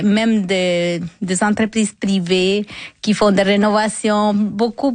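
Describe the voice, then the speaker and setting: Slow, halting woman. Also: medium pitch, no echo. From Colombia. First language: Spanish. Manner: halting, searching for words, many fillers. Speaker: cleaning worker, guest. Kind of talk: interview answers.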